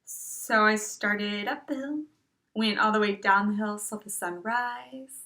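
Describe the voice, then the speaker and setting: A woman vlogger telling a personal story in a lively, breathless way, sometimes breaking into song. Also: mid-range voice, slow. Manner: breathless excited bursts, sings along. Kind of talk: storytelling voice-over.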